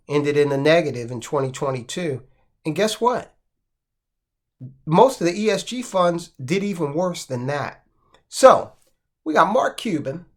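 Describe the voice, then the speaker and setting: American guy on a finance channel, higher voice, chatty, lots of "right?" asides. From United States. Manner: conversational, asides and rhetorical questions. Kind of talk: casual commentary.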